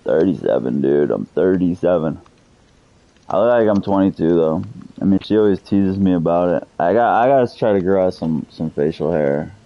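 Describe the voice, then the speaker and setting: A man in his thirties chats loosely with viewers while he plays, swearing often. His voice sits very low. The stream audio is a bit dull and lo-fi. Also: lively intonation, moderate pace, dry recording. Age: 30s. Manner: profane, loose, chatty with viewers. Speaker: game streamer. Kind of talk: casual live-stream chat.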